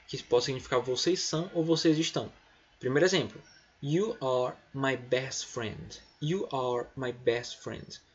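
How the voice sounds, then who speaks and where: A man's voice: medium pitch, husky, dull audio. Patient Brazilian man teaching English. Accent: Brazilian Portuguese. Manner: patient, explains step by step, often adds "tá?" and "né?". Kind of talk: recorded remote lesson.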